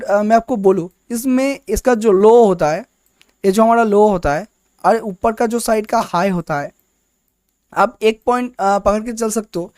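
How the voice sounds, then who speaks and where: A trading teacher gives a casual, step-by-step lesson on candlestick chart patterns, often repeating words and restarting them. His voice sits high with a darkish tone, and the recording is dry and studio-clean.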